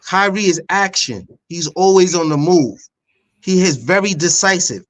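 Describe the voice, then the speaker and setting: Brief: higher-voiced New man, sports podcast co-host, insistent debater. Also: moderate pace. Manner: emphatic, insistent, repeats points.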